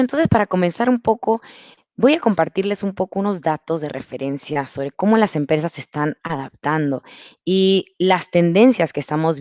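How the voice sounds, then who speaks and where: Speaking in a low, slightly mellow voice, a guest marketing consultant from Peru leads a cheerful masterclass via video call, explaining each step in turn. The sound is dull but free of echo.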